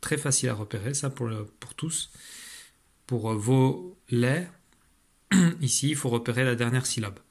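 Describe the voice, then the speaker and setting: A man's voice: mid-range voice, a little fast, husky. Man, teacher, explaining to parents, patient, fillers and restarts.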